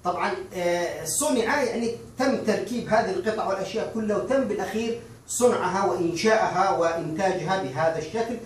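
Echoey male teacher explaining slowly. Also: high voice, slight background noise. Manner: explains slowly, repeats examples, slows down on English phrases. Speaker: English teacher. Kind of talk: online language lesson. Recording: very echoey room, far from mic.

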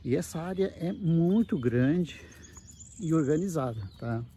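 A man with a fairly high, slightly rough voice and a dark tone talks in an animated way at a measured pace. Vlogging from a wooded campground, he gives a casual walking tour into a handheld mic, explaining things conversationally and often checking in with viewers. The outdoor handheld recording is noisy.

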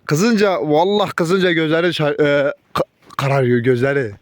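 A man's voice: fairly high pitch, steady tone, normal speed, dry recording. A man vlogging among his dogs, talking to viewers and cooing fondly at the animals, his voice jumping up when he speaks to them. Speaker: dog breeder vlogger. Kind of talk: casual talk to dogs and viewers.

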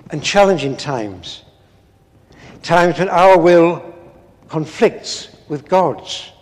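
An older man, a priest preaching a measured, earnest sermon read from notes in a large stone church. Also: fairly high pitch, a little mellow. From England. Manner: measured, earnest, with solemn pauses. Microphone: far camera, no visible mic. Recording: long church reverb.

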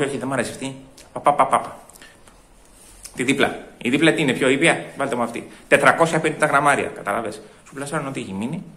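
A man playing a fussy, complaining male shopper at a supermarket cheese counter, in a one-man comedy sketch, ranting loudly and muttering asides. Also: a little high. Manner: loud indignant ranting, repeats himself, muttered asides.

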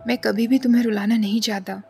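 A woman's voice: a little high, fairly even intonation, quick pace, dark tone, faint music behind, natural voice. A woman voicing a brooding, bossy young man who keeps pressing and coaxing in a storybook reading.

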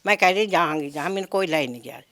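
A woman's voice: low-pitched, lively intonation, very fast, a bit bright. An older woman speaking in a devout, prayerful way in a casual chat. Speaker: village interviewee.

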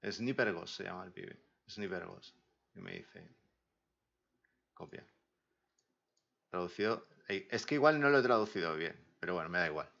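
Man with a Spain Spanish accent, live game streamer, casual slangy chat, low creaky voice, drifts from the mic. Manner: chatty, slangy, often mutters quietly. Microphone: desk mic, sometimes far from it. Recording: dull lo-fi stream audio.

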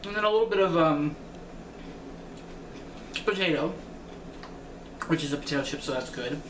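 A man speaks a little high for his voice, his words thick because his mouth is full and he is chewing. He pauses and thinks aloud as he reviews snacks. He sounds like he is some way off the mic in a roomy space, with steady noise behind him. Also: recorded from a distance. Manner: halting, thinking aloud with fillers. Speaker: food reviewer. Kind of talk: casual food review vlog.

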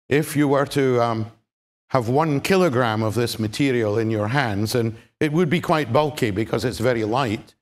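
A man with a Scottish accent giving a public science lecture, measured and explanatory, with frequent ums and dry humor. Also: medium pitch. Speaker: chemistry lecturer.

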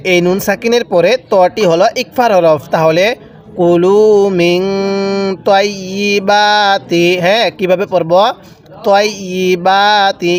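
A man teaching Quran reading in a step-by-step lesson, chanting each word slowly and drawn out, then explaining the rules in plain talk. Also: high voice. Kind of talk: slow step-by-step recitation lesson.

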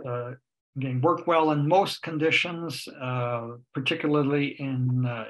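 An older man with a Canadian accent teaches skiing through a home webinar on a video call, speaking steadily and leaning on plenty of fillers. His voice is mid-range, and the audio from his webcam or computer mic is poor.

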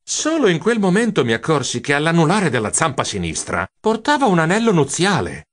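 A man as Geronimo Stilton, a swooping, animated mouse narrator. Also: on the high side, fairly quick. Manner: expressive, swooping exclamations. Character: nervous, romantic male mouse narrating his tale. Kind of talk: audiobook narration.

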